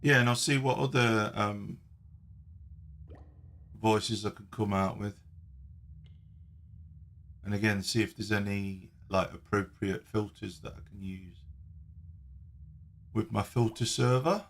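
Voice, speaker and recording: Slow, easygoing man. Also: fairly low pitch, gravelly, a little hiss or hum. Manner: relaxed, hesitant, many ums. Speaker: streamer. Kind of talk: casual live-stream chat.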